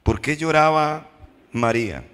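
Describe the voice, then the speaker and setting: A man preaching a sermon as pastor, posing questions to the congregation and slowing down for emphatic repetitions. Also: on the high side, animated, fairly bright tone, smooth. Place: church hall. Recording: reverberant church hall.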